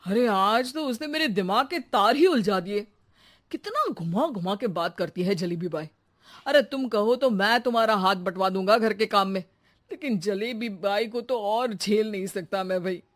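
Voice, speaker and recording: For a Hindi cartoon, a woman voices an exasperated husband who employs a maddening housemaid, sounding fed up and pleading dramatically. Her mid-range voice is expressive yet close to everyday speech, at a normal speed.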